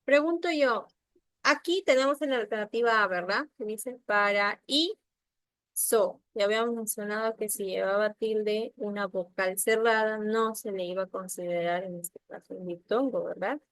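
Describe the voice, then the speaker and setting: A woman teaching a primary school spelling lesson online, patient and slow, often checking that the students follow and sounding out words syllable by syllable. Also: medium pitch, a bit bright, no echo. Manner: slow, patient, checks understanding with frequent questions. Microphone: computer mic on a video call.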